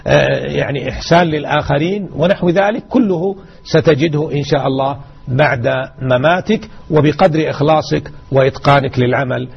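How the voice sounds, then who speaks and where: A male religious teacher exhorts his listeners and drives home key words by repeating them. His voice is gravelly and husky, a little high for a man. It comes through as a muffled radio broadcast. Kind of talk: explaining a hadith lesson.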